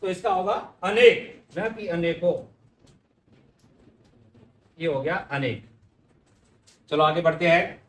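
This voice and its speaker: Male teacher, high voice, patient explainer, recorded from a distance in an echoey room. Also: slow pace, long pauses, fairly bright tone. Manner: explanatory, addresses students directly. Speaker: Hindi teacher. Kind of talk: exam-prep spelling lesson.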